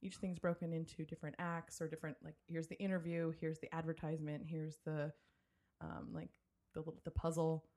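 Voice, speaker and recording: A woman's voice: deep voice, level tone, a little fast, mellow. A woman hosting a casual podcast from a home studio, chatting loosely with many fillers and restarts. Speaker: podcast host. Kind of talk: casual chat. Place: home studio, drinking with a guest.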